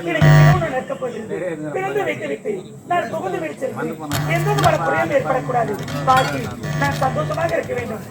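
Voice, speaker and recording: A man in a street theatre troupe playing a tender young village woman about to marry, with a loud, declamatory stage delivery. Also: extremely high pitch, a little fast, loud music behind the voice. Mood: prayerful. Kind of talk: outdoor street theatre acting. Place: outdoor street stage with a crowd. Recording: noisy outdoor crowd recording.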